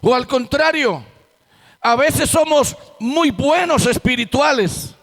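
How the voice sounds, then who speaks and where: Male pastor, very high voice, slow deliberate sermon delivery, emphatic with rhetorical questions. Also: expressive, fairly bright tone. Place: church sanctuary. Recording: long hall reverb in church.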